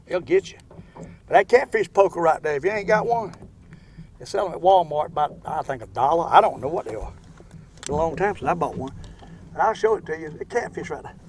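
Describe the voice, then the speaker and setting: A man's voice: a little high, animated, a little fast. An older man with a Southern US accent chatting casually and ramblingly as he hosts an outdoor fishing vlog. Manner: folksy, rambling. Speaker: fishing show host. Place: outdoors in a boat on a lake. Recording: outdoor boat ambience, faint noise.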